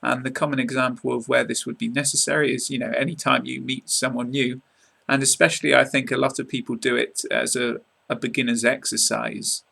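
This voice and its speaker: A twenty-something Englishman with an English accent gives a webcam lesson online from a small room, the camera close to him. He teaches in a clear, measured way with casual asides, his medium-pitched voice flat in delivery and sharp in tone.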